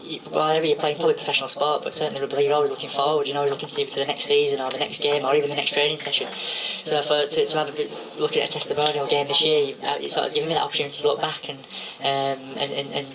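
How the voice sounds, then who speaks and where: A man's voice: monotone, very fast, few pauses, rough recording. Sped-up man's voice over crowd noise. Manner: rambling, many restarts. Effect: sped up, pitch raised. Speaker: rugby player giving an interview. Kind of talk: reflective interview answer.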